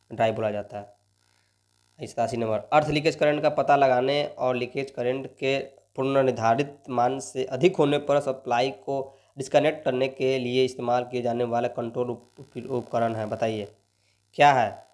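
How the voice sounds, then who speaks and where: Young male coaching teacher, mid pitch, motivational lecture delivery, constant coaxing tag questions. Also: fairly even intonation, normal speed, a little mellow. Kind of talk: lecture solving exam questions.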